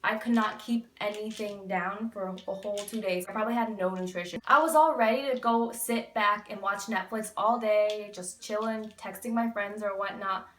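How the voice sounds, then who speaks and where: A woman's voice: medium pitch, moderate pace, hardly any pauses, fairly bright tone, slight background noise. A woman in her twenties chatting casually to camera, explaining things with candid, emphatic asides. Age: 20s. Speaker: vlogger giving recovery advice. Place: small bedroom, indoors. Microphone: camera a few feet away. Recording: echoey room, distant microphone.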